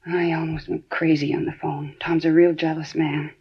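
Heard through a dull 1950s radio broadcast, an actress voices a worried middle-aged housewife giving her earnest account to police as a witness. Her voice is low-pitched and husky, with a flat delivery at a moderate pace.

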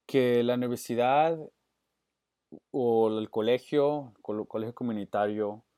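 Interviewed as a guest, a man who works as an educator replies earnestly in Spanish peppered with English words, frequently starting phrases over. He speaks unhurriedly in a mellow, clean, mid-range voice, recorded studio-quality with no echo.

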